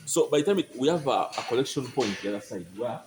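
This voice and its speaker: A man's voice: medium pitch, expressive, quick pace. A man guiding visitors through a dairy barn, explaining step by step and often checking that his listeners follow. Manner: explanatory, keeps checking "you get my point?". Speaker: farm guide. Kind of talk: explaining on a farm tour. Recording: noisy farm barn recording.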